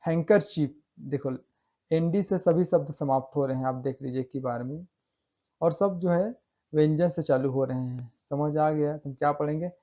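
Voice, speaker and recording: A man's voice: a little high, warm tone. Man teaching pronunciation, lo-fi. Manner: repeats example words slowly, with emphatic stresses. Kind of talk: classroom-style explanation.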